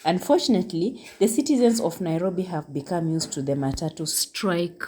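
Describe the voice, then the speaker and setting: A woman reading a scripted narration in a measured, formal way. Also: on the low side, dark tone, slight background noise. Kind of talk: scripted narration, read aloud.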